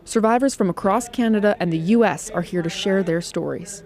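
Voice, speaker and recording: A woman news reporter delivering a scripted field report in a measured, even manner. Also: medium pitch, background noise.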